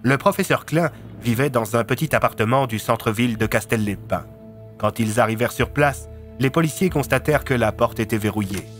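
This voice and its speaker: A male storyteller narrating a serialized audiobook in a steady, even manner. Faint music plays softly beneath his voice. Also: mid-range voice, a little fast. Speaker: narrator and voice of all characters.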